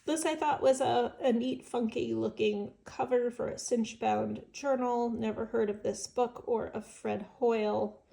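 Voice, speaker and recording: She's a vintage seller presenting an estate sale book haul, chatty and enthusiastic despite a stuffed-up nose, filling her musings with fillers. The voice is a little high, gravelly and mellow, with fairly even intonation, an unhurried pace, and few pauses.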